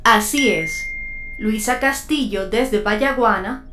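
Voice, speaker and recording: A woman co-hosting a broadcast lesson, reading out viewers' questions in a measured way. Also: fairly high pitch, noisy background. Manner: measured, reads messages aloud.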